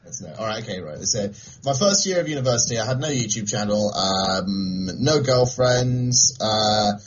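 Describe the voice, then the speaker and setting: A man's voice: lowish voice, breathy edge, muffled recording. A young English man telling stories in a casual podcast chat, laughing often. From England. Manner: animated, laughing storyteller. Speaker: podcast guest, gaming video creator.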